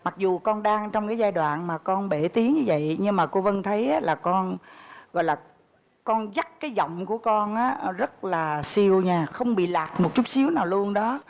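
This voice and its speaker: A woman's voice: medium pitch, animated, normal speed. A woman judging a talent show, gushing with enthusiastic praise. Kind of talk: giving feedback.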